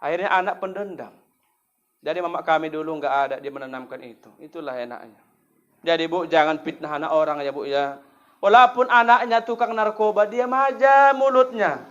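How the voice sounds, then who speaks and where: A man's voice: high-pitched, highs cut off. A man with a North Sumatran Indonesian accent giving a humorous sermon to a women's study group, joking and speaking straight to his listeners. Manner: lively, joking, often addresses listeners directly. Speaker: preacher.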